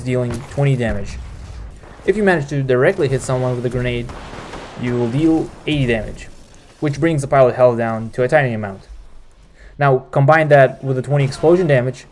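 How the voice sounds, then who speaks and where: A man narrates a scripted gaming guide as its host. His voice sits at an average pitch for a man. The home recording carries faint noise behind him. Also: a little fast, darkish tone.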